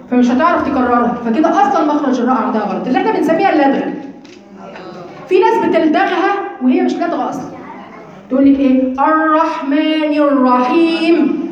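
A high-pitched woman with an Egyptian Arabic accent teaches recitation at a quick pace. She demonstrates sounds and questions her class. The recording is very echoey and lo-fi. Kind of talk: lecture to students.

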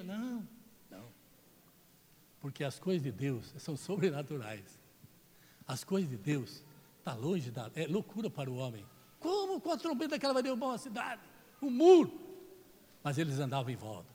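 Brazilian Portuguese-accented male pastor, high, swooping delivery, chatty storytelling sermon, reverberant church hall. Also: sing-song, fairly quick, long pauses, a little mellow. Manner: chatty, jokes with the congregation by name.

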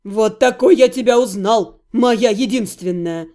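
A woman voicing an arrogant, cruel young male necromancer in an audiobook, with a low, menacing, self-satisfied drawl. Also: unhurried, mellow, lightly acted.

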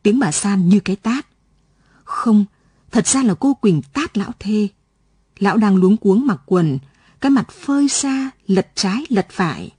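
Mellow husky woman reading a story. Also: medium pitch, lively intonation, a little slow, dry recording. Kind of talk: scripted story narration. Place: radio studio.

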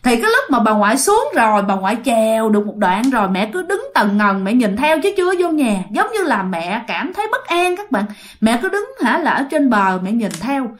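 Woman, Southern Vietnamese accent, ghost story narration, animated, high-pitched, lively intonation. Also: moderate pace. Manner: animated, talks straight to listeners.

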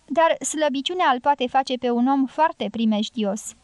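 A woman reading an audiobook, voicing a quiet, restrained American man with terse, subdued lines. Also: high voice, smooth, no echo, close to an everyday voice. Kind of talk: audiobook character voice.

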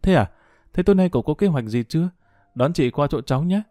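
A man voicing a sweet-voiced, chatty young niece in a narrated audio story, talking in a lively, ringing way. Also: deep voice, fast, dry recording, soft background music, voice pushed up. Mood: cheerful.

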